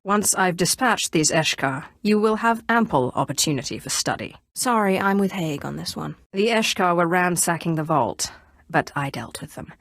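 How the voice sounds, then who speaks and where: A woman's voice: lowish voice, fairly bright tone, dry recording, studio quality, heavily acted. A woman voicing an imperious, sardonic female Sith lord in a video game, speaking with haughty, cool menace. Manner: haughty, coolly threatening, dryly sardonic. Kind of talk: video game character voice acting.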